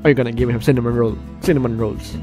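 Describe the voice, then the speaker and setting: A man hosts a game playthrough, reading the story aloud and reacting, often stumbling and correcting himself. His medium-pitched voice races along with fairly even intonation, over game music in the background.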